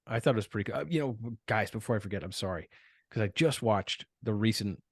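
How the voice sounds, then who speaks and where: A man's voice: fairly low pitch, fast talker, no room sound. A man co-hosting a casual podcast, chatty and loose, hedging with filler words. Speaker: podcast co-host.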